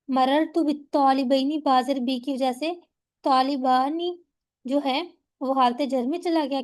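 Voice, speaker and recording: Woman teacher, young adult, high voice, patient classroom lecture, checks understanding, drawls out example words slowly. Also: darkish tone. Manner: explains patiently, often checks understanding with a rhetorical question; slows down to spell out example words syllable by syllable.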